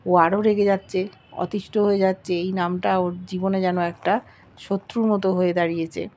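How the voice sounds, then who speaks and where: A woman's voice: mid-range voice, level tone, normal speed, darkish tone. Woman narrating a TV serial recap. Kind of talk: retelling a TV serial episode.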